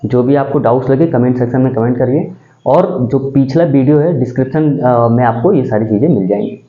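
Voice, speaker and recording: A man's voice: medium pitch, brisk. A young man giving a casual lecture as a teacher, conversational and constantly checking in with his listeners. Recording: echoey room, dull sound.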